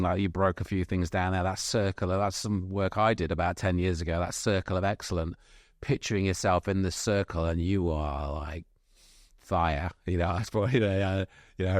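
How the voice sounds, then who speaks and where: A man's voice: sits low, no echo, clean studio sound. A middle-aged man hosting a podcast, talking enthusiastically and rambling with many restarts. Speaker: podcast host. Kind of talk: casual interview chat.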